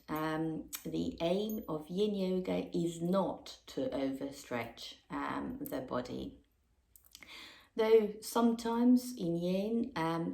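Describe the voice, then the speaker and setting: A woman yoga teacher explaining a practice off the cuff, halting often with ums and restarts. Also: deep voice, gravelly, darkish tone. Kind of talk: unscripted explanation. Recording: echoey room.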